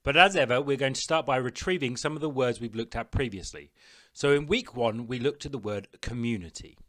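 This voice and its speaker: A man presenting a recorded classroom lesson, giving clear step-by-step instructions to pupils. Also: medium pitch, fairly quick, fairly bright tone. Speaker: teacher.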